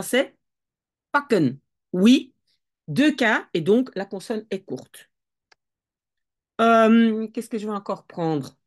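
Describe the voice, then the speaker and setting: A woman teaching Dutch spelling rules, explaining step by step and often correcting herself as she thinks aloud. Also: medium pitch. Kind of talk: casual explanatory lesson.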